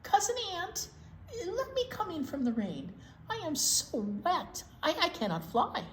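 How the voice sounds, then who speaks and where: A woman's voice: very high voice, huge pitch swings, a little slow, voice pushed up, heavily acted. Woman reading as a small wet butterfly. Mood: pleading. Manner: pleading, gently read aloud. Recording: echoey room, faint room noise.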